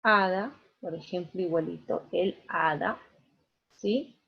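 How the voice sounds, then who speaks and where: In a dull, lo-fi recording of an online class lecture, a woman teacher speaks slowly in a fairly low, gravelly voice with a breathy edge. She walks through the material patiently, step by step, frequently checking in with her students.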